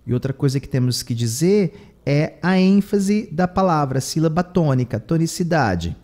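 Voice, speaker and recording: A man with a Brazilian Portuguese accent gives an English lesson, translating each phrase and repeating key words. His voice is somewhat high and mellow. His pitch moves a great deal as he explains. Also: lively intonation, normal speed. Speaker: English teacher.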